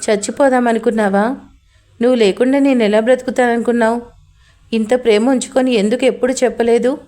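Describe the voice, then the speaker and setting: A grieving young man, devoted to his love, as a woman narrator puts him on. He speaks softly and tenderly, close to pleading. His voice sits a little high, and it belongs to a spoken love story. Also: close to an everyday voice.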